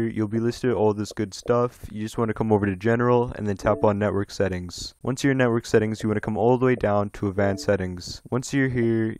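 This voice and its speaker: A man's voice: on the low side, a little mellow, dry recording. A man giving a casual walkthrough tutorial in a loose, offhand way, often hedging what he says. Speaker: gaming video host.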